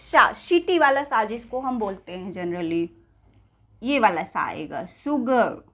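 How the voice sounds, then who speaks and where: A woman teaching spoken English with an Indian accent, repeating each word slowly and checking in with her students. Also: medium pitch, very animated, fairly bright tone.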